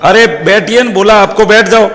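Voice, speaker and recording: A man's voice: on the high side, moderate pace, a bit bright. A man with a Rajasthani accent voicing an irritated young female hotel receptionist who scolds sharply. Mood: annoyed scolding. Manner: snappy, scolding. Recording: long hall reverb.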